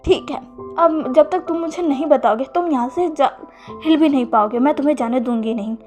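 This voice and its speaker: A woman's voice: sits high, brisk, warm tone, soft background music, natural voice. Woman as a coaxing older sister. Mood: insistent. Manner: coaxing, insistent. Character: teasing, caring older sister.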